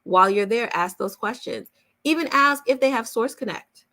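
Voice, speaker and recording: Fairly high-pitched and sharp in tone, this woman talks at a normal speed while hosting a casual live Q&A as a voice-over coach. She makes her points one at a time, emphatically and repeatedly.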